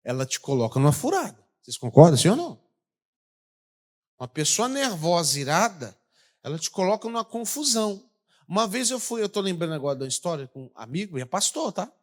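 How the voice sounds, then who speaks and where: A man with a Brazilian Portuguese accent preaching a lively sermon, asking his congregation questions as he goes. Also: high voice, brisk. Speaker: pastor.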